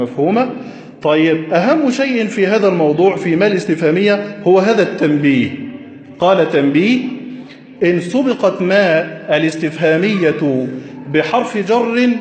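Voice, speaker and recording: A man teaching Arabic grammar at a whiteboard, slow and deliberate, quizzing his listeners with questions. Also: sits high. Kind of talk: classroom lesson at a whiteboard. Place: classroom with a whiteboard. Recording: echoey, reverberant room.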